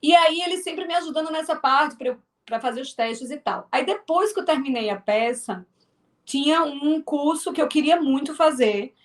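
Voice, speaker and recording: With a high voice at normal speed, a Northeast Brazilian filmmaker and actress chats in a casual interview. Her Northeastern accent is strong, and she restarts frequently.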